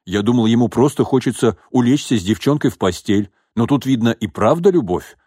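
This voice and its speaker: A man's voice: medium pitch, lively intonation, brisk, warm tone, breathy edge, dry recording, studio quality. A man reading a story and voicing a domineering, scheming older father who talks bluntly and mockingly. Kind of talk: audiobook reading.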